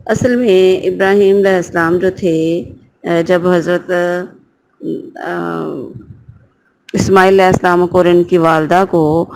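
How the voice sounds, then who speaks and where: A woman's voice: on the low side, fairly even intonation, vocal fry, pauses often, a little mellow, a little hiss or hum, rough recording. A woman giving a word-by-word translation and tafsir lesson, reading each Arabic phrase and then glossing it. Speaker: Quran teacher.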